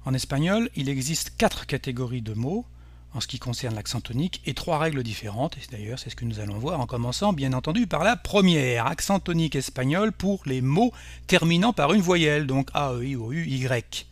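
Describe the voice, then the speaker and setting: A man teaching a language lesson, explaining rules slowly and carefully with example words. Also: medium pitch, animated. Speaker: Spanish teacher. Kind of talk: scripted language lesson narration.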